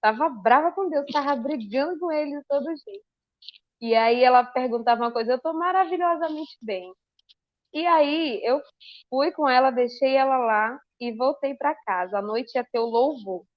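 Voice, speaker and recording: High-pitched woman, religious sister, animated storyteller, dry muffled audio. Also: moderate pace, no room sound. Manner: lively storyteller acting out her own past dialogue. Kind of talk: personal testimony in podcast chat.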